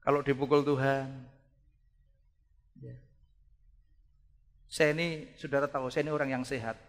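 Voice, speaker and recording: A man in his fifties with a Javanese accent, preaching a sermon as pastor in a church hall. He swings from soft asides to loud, emphatic exclamations. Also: medium pitch, level tone, moderate pace. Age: 50s. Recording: long hall reverb.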